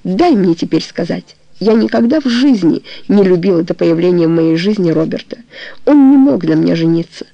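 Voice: medium pitch, expressive, moderate pace, gravelly, dark tone, no room sound. A reader voicing a young woman who pleads with her lover and confesses her past in a trembling voice. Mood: pleading. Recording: dull lo-fi recording.

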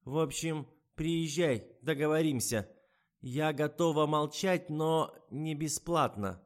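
A man reading an audiobook and voicing a greedy, bullying old woman who shouts her accusations in a high, drawn-out voice. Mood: shrill accusing.

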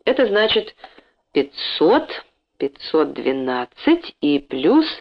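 A woman's voice: low-pitched, very animated, slow pace, voice pushed down, full character voice. A woman voicing a smug older male factory owner who talks with false kindness and mockery, in a dull lo-fi recording. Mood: scheming. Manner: falsely kind, mocking.

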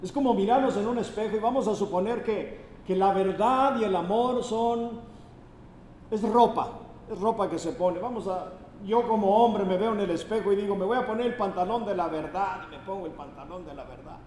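A man's voice: high-pitched, moderate pace, darkish tone, recorded from a distance. A man preaching a sermon with emphatic delivery and rhetorical questions. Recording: echoey hall, faint background noise.

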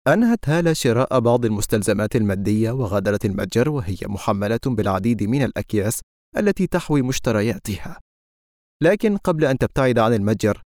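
A man narrating a novel as an audiobook reader, in a measured, steady reading. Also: mid-range voice, dry recording, clean studio sound. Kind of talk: scripted narration.

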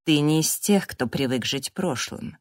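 A woman voicing a calm, guarded young man in an audiobook, measured and cold. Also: low voice, dry recording, clean studio sound. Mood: cool.

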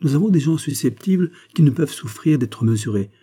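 A polite, clever playwright in a classic storybook, as a male reader plays him. He is courteous and ingratiating. The voice sits a little higher than the reader's dark, husky one. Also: expressive, fairly quick.

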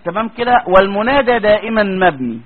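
A man's voice: sits high, sing-song, fast. A man with an Egyptian accent giving a classroom lecture as a teacher, speaking colloquially and often checking with his students. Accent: Egyptian Arabic. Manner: colloquial, keeps asking students check questions. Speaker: tajweed teacher. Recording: tinny phone-like lo-fi audio.

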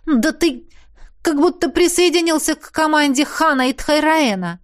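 A woman voicing a fiery young heroine who is quick to anger, talking sharply and sarcastically. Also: high-pitched, lively intonation, voice pushed up. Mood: exasperated.

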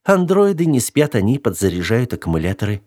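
A man voicing a friendly female android in a light, lively, amused tone. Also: medium pitch, fairly quick, dry recording, clean studio sound. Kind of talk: audiobook character voice.

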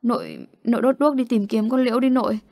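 A woman's voice: on the high side, wildly swooping pitch, fast, creaky, darkish tone, no echo, clean studio sound, heavily acted. A woman voicing a scared young girl in an audio story, who pleads urgently. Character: scared young girl urging her grandparent.

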